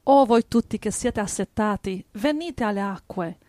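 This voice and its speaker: A woman reading Bible passages aloud in a steady, measured way during a church service. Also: medium pitch, no room sound. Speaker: scripture reader in a church service.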